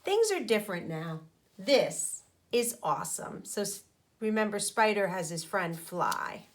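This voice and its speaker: An elementary school teacher reads a children's book aloud, stepping in didactically to explain things and pausing to question her young listeners. Her voice is medium in pitch and very animated.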